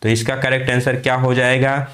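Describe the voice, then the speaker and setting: A man teaching an exam-prep lesson. He spells words out letter by letter, asks and answers his own questions, and reads English phrases slowly. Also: mid-range voice, little pitch movement, a bit bright.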